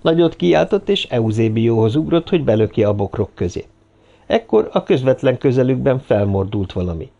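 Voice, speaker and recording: A man reading an adventure novel aloud as narrator, in a steady, measured storytelling manner. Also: mid-range voice, gravelly, dull audio. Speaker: audiobook narrator. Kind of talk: scripted narration.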